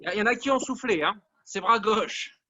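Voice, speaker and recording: Energetic male fitness coach counting reps. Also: sits high, brisk, highs cut off, noisy background. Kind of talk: live online workout class.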